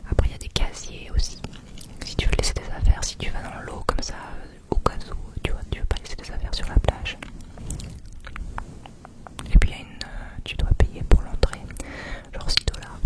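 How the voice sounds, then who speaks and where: A woman whispering a chatty, rambling ASMR travel vlog, quiet and gentle as if at night. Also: moderate pace. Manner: chatty, rambling, informal with repeated words. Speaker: vlogger.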